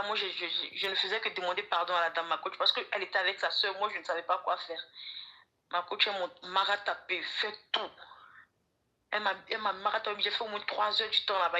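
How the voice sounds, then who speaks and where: A woman's voice: mid-range voice, pushed and bright, low-quality recording. A woman with an Ivorian French accent calling an advice show, politely addressing the host as her coach. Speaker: caller. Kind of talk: phone call to an advice show.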